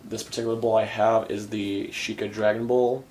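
Young adult male, slightly low register, enthusiastic informal product reviewer, garage recording with light background noise. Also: flat delivery, normal speed, darkish tone, rough recording. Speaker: hookah reviewer. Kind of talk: casual product review chat. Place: garage workshop, indoors. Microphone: camera a few feet away. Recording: faint background room noise.

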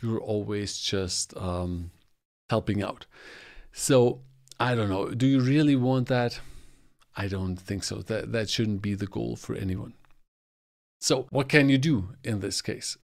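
A man's voice: fairly low pitch, slow, gravelly. A man in his forties hosting a solo podcast in a small home studio. He explains things at length and gestures with his hands as he talks into a close podcast mic. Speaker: podcast host. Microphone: podcast mic on boom arm, close.

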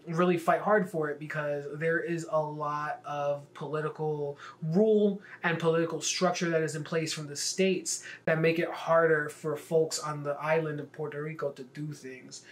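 A man's voice: a little high, fairly even intonation, moderate pace, fairly bright tone. A man, a poet, casually talking viewers through his own poem in a loose, chatty way, with many fillers and stumbling repeats. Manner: addresses viewers directly in friendly slang. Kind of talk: casual spoken walkthrough to camera.

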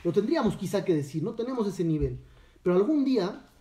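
A rabbi teaches a Torah lesson, telling the tale and checking in with his listeners through questions. His voice sits high but mellow. He is heard from a distance in an echoey room. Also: very animated, quick pace. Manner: storytelling, asks listeners questions.

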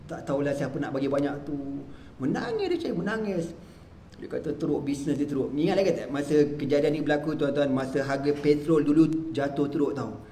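A man's voice: on the high side, fairly even intonation, brisk, dark tone, echoey room, a little hiss or hum. A man with a Malaysian accent, a religious teacher giving a sermon and telling a story, acting out the quoted dialogue. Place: mosque prayer hall.

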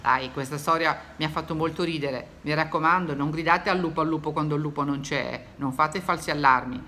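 A woman's voice: low voice, fairly quick, pushed and bright, reverberant, a little hiss or hum. A woman reading a picture book aloud to children, chatting with them and pointing at the pictures. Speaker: storybook reader.

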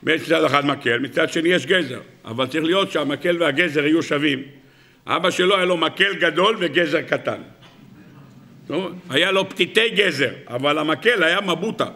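A rabbi delivering a sermon, telling a parable in an animated, dramatic way and speaking directly to his audience. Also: fairly high pitch. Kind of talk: sermon storytelling.

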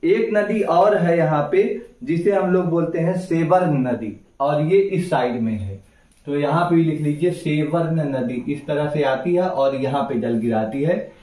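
A man teaching an exam-prep geography lesson, going slowly over names on a map and asking his students to repeat them back. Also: on the high side, warm tone. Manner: slow, repeats names and quizzes the class. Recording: echoey room, voice from far off.

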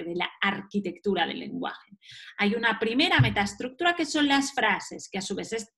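A woman's voice: medium pitch, a bit bright. A woman from giving a recorded lecture, explaining step by step and answering her own questions. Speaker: teacher.

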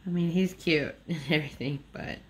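A diamond painting vlogger who has just woken up chats rambling and nasal as she works on a craft at an indoor table, with fillers and small laughs. Her voice is low and moderately paced.

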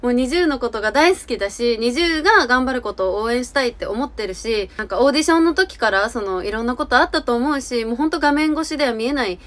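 A young woman with a fairly high voice and very lively intonation talks to her camera at a quick pace. She sounds earnest and rambles a little, softening her opinions as she goes, in a casual YouTube style. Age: 20s. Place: small indoor room with curtain backdrop.

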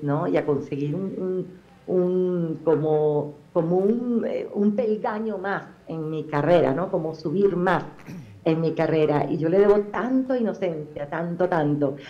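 Her voice is on the low side and the recording loses its highs. She's a middle-aged telenovela actress guesting on a TV interview, speaking with a Venezuelan accent flecked with Argentine sounds, chatty and animated, with plenty of filler words.

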